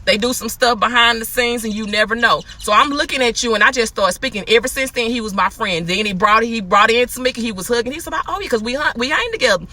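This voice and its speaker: A woman in casual spoken advice, chatty and animated, acting out quotes. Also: fairly high pitch, fast, hardly any pauses. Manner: chatty, animated, laughs often, acts out quotes. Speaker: host.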